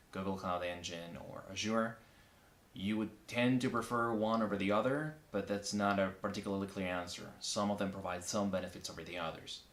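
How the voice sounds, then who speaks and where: A man from Argentina explaining his engineering work in a measured, step-by-step way, with some restarts. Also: low-pitched, a bit bright. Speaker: backend engineer. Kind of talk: solo recorded interview. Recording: echoey room.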